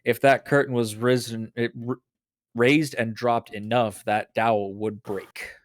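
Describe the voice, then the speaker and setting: A man's voice: mid-range voice, level tone, a little slow, no echo, studio quality. A man, the game master, chatting with players and telling a bit of trivia in a casual, storytelling way. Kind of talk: casual chat among players.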